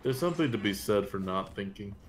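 A man's voice: on the low side, expressive, a little fast, slight background noise. A man casually chatting while playing a card game on stream, tired and drowsy, yawning as he talks. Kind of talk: casual gameplay chat.

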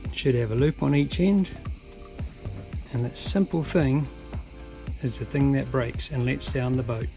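A man's voice: medium pitch, measured pace, over music, low-quality recording. A man, narrating a sailing vlog in an earnest, plain-spoken way and often restarting his sentences. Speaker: sailing vlogger.

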